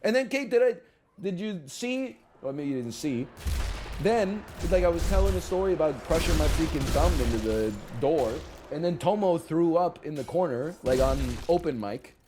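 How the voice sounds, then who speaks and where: A man's voice: fairly high pitch, expressive, normal speed, dark tone, a little hiss or hum. A man in his thirties chatting casually on a live stream, telling rambling, self-mocking stories to his viewers.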